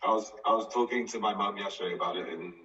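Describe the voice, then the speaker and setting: A man's voice: lowish voice, quick pace, pushed and bright, slight background noise. A teenage boy co-hosting a casual chat, teasing and laughing often. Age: late teens. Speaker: co-host. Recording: roomy, distant, dull sound.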